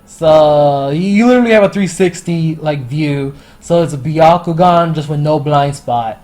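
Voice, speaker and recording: A man's voice: fairly high pitch, normal speed, a little mellow. Rambling, profane young-sounding man reviewer. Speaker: anime and manga reviewer. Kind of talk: casual review chat.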